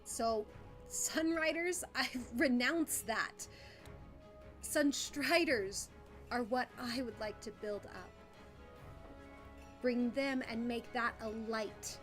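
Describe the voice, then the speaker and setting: Woman, high pitch, slow delivery, giggly excitable game player, casual talk, light music behind. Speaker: player in a tabletop role-playing game. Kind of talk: casual tabletop game play. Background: background music.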